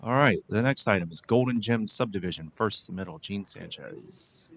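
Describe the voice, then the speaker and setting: A man chairing a city committee meeting, calling on departments in brisk procedural turns. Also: on the low side, animated, gravelly. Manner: brisk procedural roll calls.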